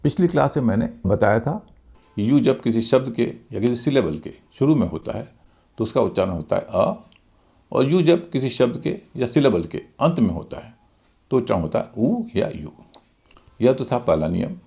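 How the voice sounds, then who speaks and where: A middle-aged man gives a pronunciation lesson in a gravelly, mellow voice. His pitch swings widely as he spells out words letter by letter and walks through each rule. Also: sing-song, normal speed. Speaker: English pronunciation teacher. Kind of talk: Hindi-language English lesson.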